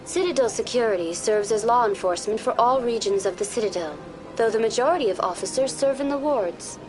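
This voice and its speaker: A woman plays a courteous female AI program in a video game, answering in a polished, too-smooth synthetic manner. The voice sits a little high, and game music plays underneath. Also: fairly quick, lightly acted, poor audio. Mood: calm informative. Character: smooth, polite female virtual-intelligence information program.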